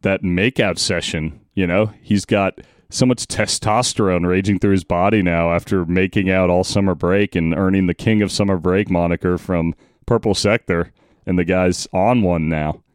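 A man's voice: low voice, steady tone, normal speed, no room sound. A man co-hosting a podcast in casual sports chat, close on the mic. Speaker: podcast co-host.

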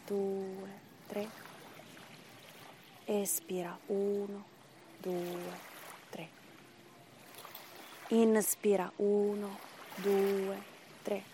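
A woman leading a guided breathing meditation as instructor, in short measured phrases and counts with pauses between them. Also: mid-range voice, creaky, background noise.

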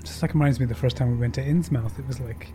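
A man at a tabletop game table, quick and joking. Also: medium pitch. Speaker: player. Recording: noisy background.

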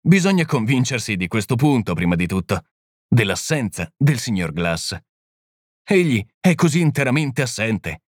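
A man reading the part of a small, gentle priest-detective who explains things calmly and patiently. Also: mid-range voice, brisk, no echo, studio quality, voice pushed up. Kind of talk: audiobook reading.

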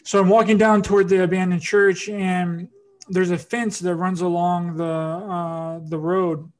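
Male podcast host, fairly high and monotone, casual and rambling. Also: measured pace. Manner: rambling storytelling, many fillers and restarts. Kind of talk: casual interview chat.

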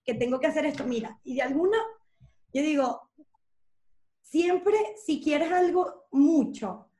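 A woman telling a personal story in a relaxed talk, animated and quoting herself often. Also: high voice, roomy sound. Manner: animated, quotes herself a lot. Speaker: guest. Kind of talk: casual storytelling.

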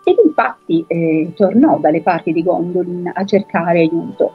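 A woman tells an old fantasy story, stopping often to gather her thoughts and reading passages aloud from the book. Her voice has a breathy, slightly raspy edge. The recording is dull and lo-fi, with soft music underneath. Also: on the low side. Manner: unhurried, pauses often with filler sounds while she explains.

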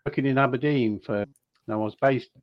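A man speaking over a video call whose audio keeps cutting in and out, talking in halting, restarted phrases. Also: medium pitch, soft background music. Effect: choppy audio that keeps cutting in and out. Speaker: guest recounting a UFO encounter. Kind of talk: remote interview talk. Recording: dull, dry online call audio dropping out.

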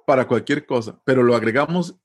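A man from Costa Rica with a Costa Rican accent, explaining in a relaxed, patient way as an interview guest, often pausing with fillers and tag questions. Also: mid-range voice. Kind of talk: casual conversational explanation.

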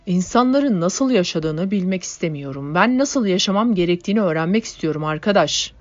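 A woman's voice: on the low side, animated, fairly quick, dry recording, soft background music, close to an everyday voice. Brief: a woman doing a blunt, grumbling young man, muffled audiobook sound. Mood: gruff. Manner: gruff, blunt. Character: gruff grumbling young male radical.

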